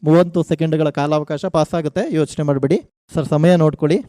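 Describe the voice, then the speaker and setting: A man runs a college quiz show on the radio, his voice a touch high and mellow. He spells out questions slowly and cheers the teams on with energy. The sound is dry and close. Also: no echo. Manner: energetic, coaxing contestants, slow emphatic questions. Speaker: quizmaster.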